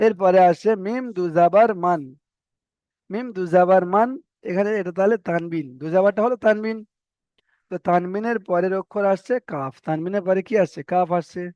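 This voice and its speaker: High-voiced man teaching Quran reading. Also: a little mellow, clear, resonant tone, no echo, highs cut off. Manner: spells letters and vowel marks aloud, then draws out the chanted word slowly. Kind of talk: spelled-out recitation lesson.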